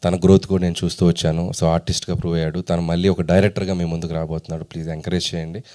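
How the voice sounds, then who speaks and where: A middle-aged man, a film director, giving a relaxed, friendly speech at a press event, mixing in English phrases. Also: deep voice, very fast. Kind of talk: informal press meet speech.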